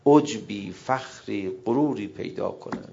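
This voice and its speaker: A middle-aged man preaching a sermon, emotive, dropping to a hush and rising loud as he acts out quoted dialogue. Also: lowish voice, gravelly, dull audio, background noise. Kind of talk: religious sermon.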